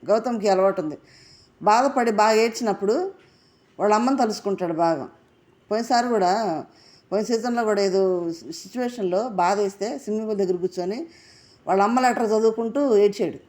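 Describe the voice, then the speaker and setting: A woman's voice: mid-range voice, a little fast, pauses often, a little mellow. A woman giving a casual episode analysis of a reality show, indignant and firing off rhetorical questions.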